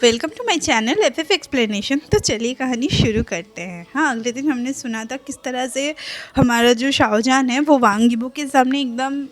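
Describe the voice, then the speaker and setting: High-pitched woman, casual storyteller host, emphatic and chatty. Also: measured pace. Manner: chatty, emphatic, heavy fillers. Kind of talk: casual fanfiction retelling.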